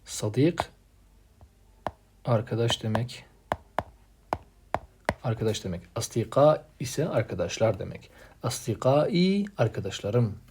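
Gravelly-voiced man teaching a lesson. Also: mid-range voice, lively intonation, slow pace, pauses often, background noise. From Turkey. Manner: reads Arabic words with emphasis, then translates plainly; addresses students as friends, repeats key words. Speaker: Arabic teacher. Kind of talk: textbook lesson walkthrough.

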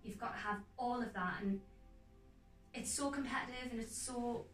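A young woman actor talking earnestly and enthusiastically in a casual interview, in quick runs of speech. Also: on the high side, far from the mic. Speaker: guest actor. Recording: roomy echo, off-mic, faint music behind.

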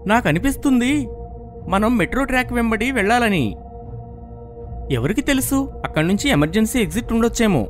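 A woman voicing a ghostly boy who haunts a dark metro station, speaking loudly with slow, menacing pauses in a storybook tale. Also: on the high side, animated, soft background music, lightly acted. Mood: eerie.

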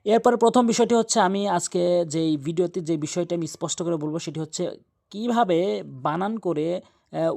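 A man's voice: high voice, creaky, a little mellow. A man teaching Quran recitation, spelling each word out letter by letter and then repeating it. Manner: slow, drawn-out chanting when reciting verses.

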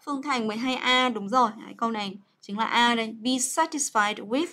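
A woman's voice: a little high, a little fast, bright, forceful tone. A young woman teaching English grammar on a livestream, chatty and coaxing, full of fillers and checks with her students.

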